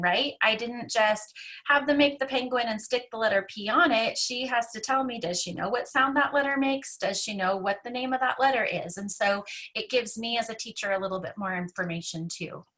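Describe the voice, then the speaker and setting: Woman teacher presenting in a hurry; bright, clear voice, quick pace with frequent ums. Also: fairly high pitch. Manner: rushed, fast-talking, many filler ums. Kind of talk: conference presentation.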